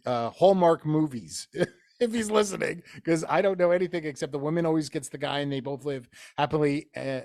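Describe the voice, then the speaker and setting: A man's voice: a little high, no echo, studio quality. Jokey, self-mocking podcast co-host man. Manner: self-deprecating, jokey, rambling. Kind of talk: casual podcast chat.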